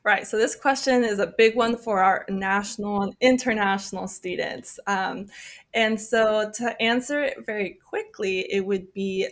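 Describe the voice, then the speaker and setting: Soft-trailing woman admissions officer. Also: medium pitch, steady tone, unhurried. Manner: explains with frequent ums and rights. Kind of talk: podcast interview.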